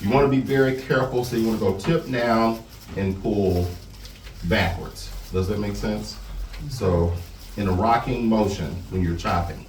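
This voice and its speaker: A man's voice: on the low side, normal speed. A man teaching an informal hands-on cooking demonstration, explaining carefully and unhurriedly step by step and often checking that listeners follow. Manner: often checks understanding with okay, right. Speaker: cooking club instructor, home cook. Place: indoors at a house, far from mic. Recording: roomy, distant mic with loud noise.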